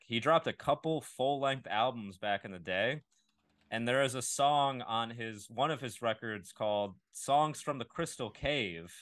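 A man's voice: medium pitch, a bit bright, no room sound. Laid-back male comedian co-hosting a podcast. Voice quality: loose, laughing banter with drawn-out fillers. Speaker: podcast co-host. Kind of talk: casual comedy podcast chat.

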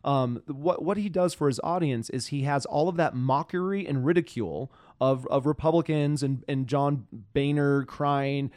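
A man hosting a casual political podcast, frustrated and profane, talking in halting bursts full of restarts. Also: on the high side, a little mellow, dry recording, studio quality. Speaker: podcast host.

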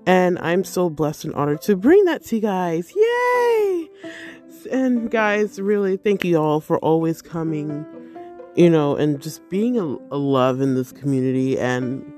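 A woman's voice: sits low, lively intonation, a little slow, warm tone, faint music behind. A woman hosting her own podcast as a life coach, talking casually in a bubbly, effusive way with many fillers, and sounding tired. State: tired, yawning.

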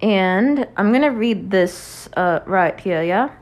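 A woman's voice: mid-range voice, animated, slow pace. A woman hosting a poetry podcast, reading a poem and then talking about it in a loose, rambling way full of "you know" and "um". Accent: unplanned put-on accent when reading poetry. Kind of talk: casual poetry reading and discussion.

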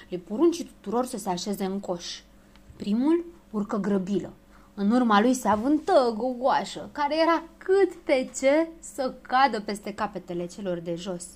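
A woman narrating a children's story aloud with expressive storytelling. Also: mid-range voice.

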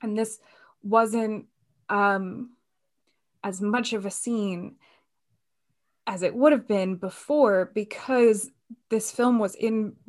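A woman in casual conversation about a film, chatty and loose, with many fillers and restarts. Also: medium pitch.

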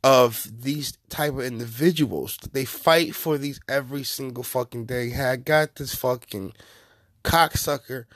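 A man hosting a podcast, giving profane, mocking comedic commentary in an animated way. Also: medium pitch, a little slow, no room sound, studio quality. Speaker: podcast host.

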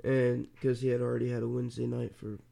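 A man's voice: mid-range voice, level tone, fast, creaky, mellow. A congested man co-hosting a podcast, chatting casually and telling stories. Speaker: podcast co-host. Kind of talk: casual chat.

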